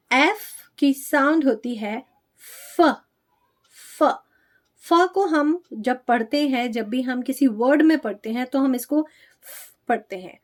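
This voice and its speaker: A woman gives a phonics lesson for parents of small children. Her voice sits high, and she speaks slowly. She repeats each letter sound with care before she moves on. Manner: slow, drawn-out demonstration of letter sounds. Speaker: pre-primary teacher.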